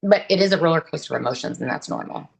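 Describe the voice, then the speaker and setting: Low-voiced woman speaking earnestly. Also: expressive, gravelly, low-quality recording. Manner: earnest, open, halting with restarts. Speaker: guest. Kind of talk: candid conversational interview.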